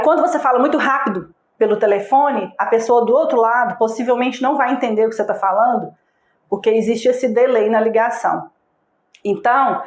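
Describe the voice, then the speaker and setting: A woman's voice: fairly high pitch, echoey room. A woman teaching a recorded online lesson. She speaks patiently, asks the viewer direct questions, and checks in with short tags. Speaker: online course instructor.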